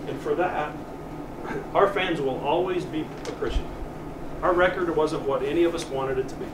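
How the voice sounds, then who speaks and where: An American man, a college team coach, giving an earnest, deliberate pep speech to his players in the locker room, pausing for emphasis. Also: on the high side. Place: locker room, heard from a distance. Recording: echoey distant room recording with loud noise.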